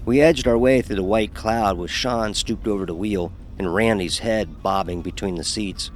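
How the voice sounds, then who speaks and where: This lowish male voice moves at a normal speed and sounds close to how he'd talk every day, with soft music underneath. He's voicing a sarcastic young frat pledge who tells his own tale in an audio horror drama, wry and sardonic throughout. The scripted first-person narration includes dialogue and carries a wry storytelling mood.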